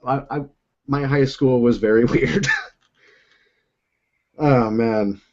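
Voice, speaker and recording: A man's voice: mid-range voice, steady tone, slow, a little mellow, muffled recording. A young man hosting a casual video call chat, rambling and laughing often as he talks from a room at home. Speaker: host. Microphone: own desk microphone.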